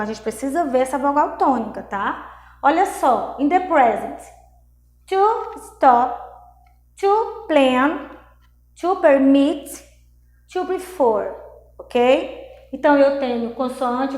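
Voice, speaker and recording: High-voiced Brazilian woman teaching English. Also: roomy sound. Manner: explains step by step, checking in with "tá?" and "ok?"; reads English examples slowly and clearly. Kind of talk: video lesson explaining grammar.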